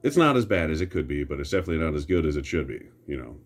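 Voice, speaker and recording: A middle-aged American man with a bass voice races along, his pitch swinging widely. He rambles casually about superhero films, grumbling in an opinionated back-in-my-day rant with a little mild swearing.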